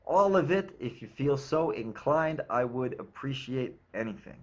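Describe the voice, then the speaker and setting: A man reading his own novel aloud in a steady, measured narration, in short clipped sentences. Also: medium pitch. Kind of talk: audiobook-style narration.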